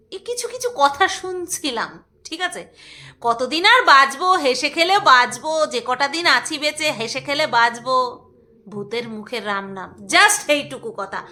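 A woman's voice: high voice, sharp tone. A woman vlogging in a casual, rambling chat, laughing often and breaking into song. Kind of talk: casual chat with snatches of singing.

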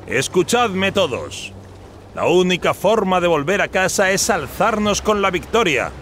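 Commanding, animated young warrior prince. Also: male voice, sits high, measured pace, a little hiss or hum, heavily acted. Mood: rallying. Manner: commanding, declamatory. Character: proud, determined young human warrior prince. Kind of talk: scripted fantasy game acting. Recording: game sound effects behind voice.

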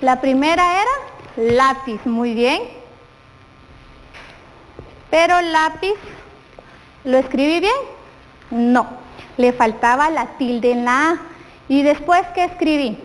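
Slow, high-voiced Guatemalan woman teacher. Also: in a large hall, poor audio. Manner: slow, questioning the viewers often. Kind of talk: televised classroom lesson.

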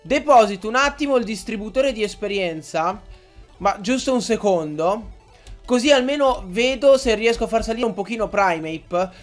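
A young man giving excitable Let's Play commentary, swearing and yelling at the game as he plays. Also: sits high, moderate pace, soft background music. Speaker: gaming YouTuber.

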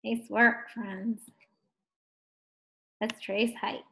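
A young woman teaching a first grade phonics lesson online, encouraging and stretching words out slowly. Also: mid-range voice, flat delivery, vocal fry, bright, forceful tone. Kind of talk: distance learning phonics lesson.

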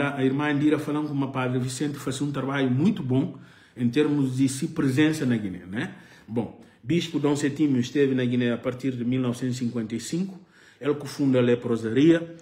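A middle-aged political commentary host delivers live commentary to camera from his living room sofa, using a phone held at arm's length. Impassioned, he gestures and repeats phrases for emphasis. His medium-pitched voice is a little mellow.

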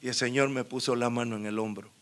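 A man preaching a sermon, telling his own story with lively, acted-out dialogue and frequent laughter. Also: medium pitch, fast talker, slight background noise. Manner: animated storyteller, acts out dialogue, laughs often. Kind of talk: sermon with personal testimony.

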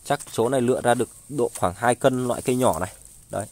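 Male seller, medium pitch, informal price-by-price sales patter with frequent pauses, filmed on a phone outdoors. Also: a little mellow. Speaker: online plant seller. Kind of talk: casual sales pitch listing wares and prices. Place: outdoors, beside goods laid on a tarp. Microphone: handheld phone filming the goods.

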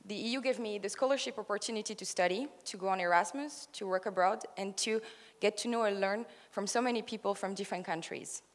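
A woman's voice: medium pitch, quick pace, hardly any pauses. A young woman gives an earnest, prepared speech on stage, speaking into a handheld mic. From France. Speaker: conference opening speaker. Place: large conference hall, on stage. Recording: long hall reverb.

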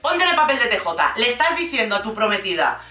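Woman, sarcastic reality-show commentary, expressive, echoey room. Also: on the high side, fast, far from the mic. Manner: sarcastic and expressive, mimics people in quoted voices. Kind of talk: casual reaction commentary.

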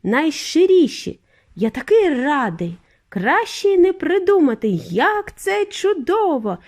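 Woman reader doing a giddy eccentric factory owner, lively and high, storybook style. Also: a little slow. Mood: gleeful. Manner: bouncy, exclamatory, urging. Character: eccentric excitable male factory owner, jubilant.

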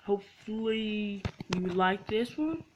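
A woman hosting a casual gaming video, loud, profane and excitable. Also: medium pitch, slow pace, dull audio, background noise. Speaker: gaming channel host.

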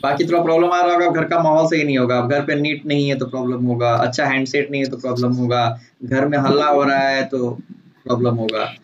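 Jovial teacher with a lilt. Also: male voice, medium pitch, fairly even intonation, quick pace. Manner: teasing, jovial, calls on students by name. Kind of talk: casual online class. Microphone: video call. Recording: dull online call audio with faint noise.

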